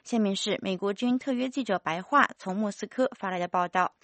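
A woman anchor reading a news bulletin in a crisp, formal manner. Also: mid-range voice, a little fast, fairly bright tone, no room sound.

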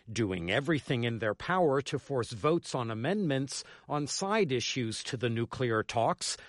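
American guy reading a radio news report, formal reporter voice, mid pitch, very dry sound. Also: no echo. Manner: formal news reader delivery. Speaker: news correspondent.

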